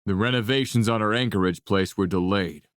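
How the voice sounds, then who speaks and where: A woman voicing a weary, gruff grown man in an audiobook, speaking low, tired and clipped. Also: a little fast, dry recording, clean studio sound. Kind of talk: audiobook narration.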